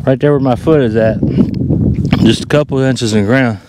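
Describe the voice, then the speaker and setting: Speaking at a medium pitch and normal speed, a middle-aged man with a Southern US accent narrates an easygoing, folksy metal detecting vlog outdoors in open farm fields. He records on a handheld or body-worn action camera, and noise is clearly audible behind his voice.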